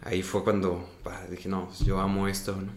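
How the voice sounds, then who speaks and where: A man's voice: low-pitched, moderate pace, echoey room, over music. A young man with a Mexican accent, telling his acting story in a casual interview, ending many phrases with "¿no?". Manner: animated storyteller, tags sentences with "¿no?".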